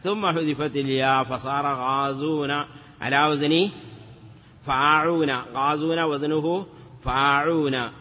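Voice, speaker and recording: Unhurried and a little high, a man's pushed, bright voice holds a steady tone as he teaches a classroom lesson on Arabic morphology. He chants word forms and asks rhetorical questions, heard through a dull lo-fi recording with long reverb.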